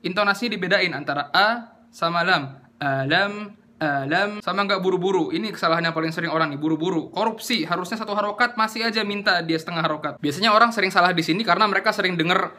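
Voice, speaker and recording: Young man, high bright voice, casual recitation teacher demonstrating sounds. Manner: slangy, demonstrates sounds by repeating them slowly. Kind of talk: casual tajwid lesson with recited examples.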